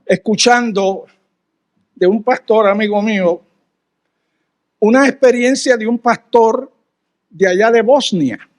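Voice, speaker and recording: Male guest preacher, very high voice, animated storytelling with pauses. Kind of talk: storytelling sermon.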